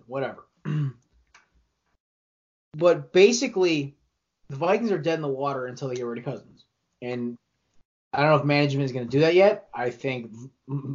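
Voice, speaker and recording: A young man co-hosting a sports podcast, giving rambling, animated opinions with frequent restarts. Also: medium pitch. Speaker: podcast co-host. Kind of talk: casual sports chat. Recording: dull lo-fi podcast audio.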